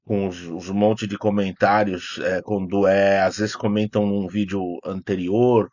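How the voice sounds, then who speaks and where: Flat and unhurried, this Brazilian man's fairly low, slightly mellow voice comes through lo-fi with no echo. He's a YouTube host and film critic answering comments off the cuff, wandering, hesitating and frequently correcting himself.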